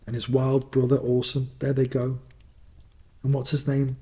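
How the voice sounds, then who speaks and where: Man playing old miser, childlike, exclamatory, repetitive, mellow, storybook fireside storytelling. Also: medium pitch, fairly even intonation, normal speed, lightly acted. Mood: excited. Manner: exclamatory, repeating himself. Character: old miser, childlike in excitement and wistful regret. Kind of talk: fireside storytelling, acted dialogue.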